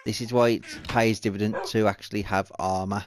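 A man's voice: lowish voice, fairly even intonation, a little fast, slight background noise. A man hosting a let's-play video, muttering to himself and swearing in exasperation as he plays. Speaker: gaming video host. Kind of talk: let's-play game commentary.

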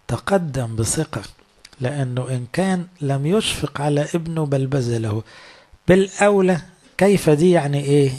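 A man's voice: mid-range voice, darkish tone. A man with an Egyptian Arabic accent preaching a sermon in a conversational way, often putting rhetorical questions to his listeners.

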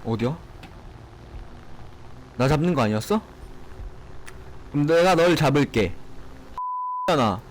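Excitable swearing man playing a game. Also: fairly high pitch, takes it slowly, long pauses, low-quality recording. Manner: excitable, swearing, shouting at enemies. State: tipsy from drinking. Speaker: gaming streamer. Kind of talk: live gameplay commentary. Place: small room at home.

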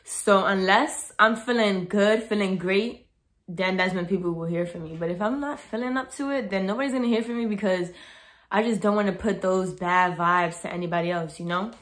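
A young woman in her twenties vlogs from her bedroom, talking casually to the camera. Her medium-pitched voice moves at a moderate pace. She's blunt and outspoken, gesturing animatedly with her hands.

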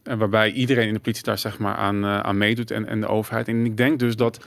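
Low-voiced man, thoughtful. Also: level tone, fast talker, creaky, fairly bright tone, no echo. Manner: thoughtful, repeats words while searching. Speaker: podcast host. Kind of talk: casual discussion.

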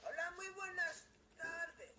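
A man voicing a squeaky game greeter stuck like a skipping record. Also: little pitch movement. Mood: stuck greeting. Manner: slow, sing-song, mechanical repetition. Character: high-pitched male game greeter NPC, stuck on one line. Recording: game audio with loud background noise.

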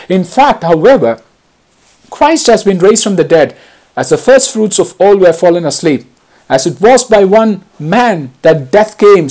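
A man preaching a slow, deliberate Easter homily, reading passages of scripture aloud. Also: sits high, a little mellow. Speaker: priest.

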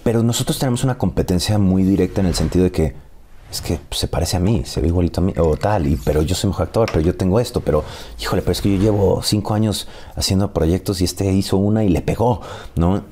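Mexican guy in his 30s, super deep mellow voice, chatty storyteller, laughs a lot. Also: fast talker, slight background noise. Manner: animated storyteller, laughs often. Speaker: actor guest. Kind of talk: casual interview chat.

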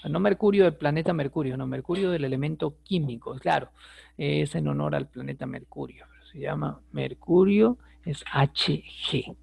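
A man's voice: on the high side, normal speed, gravelly, a little mellow, breathy edge, no echo. A man teaching an online chemistry lesson, patient and repetitive, checking in with his students as he writes. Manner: patient, repeats words, asks rhetorical checks.

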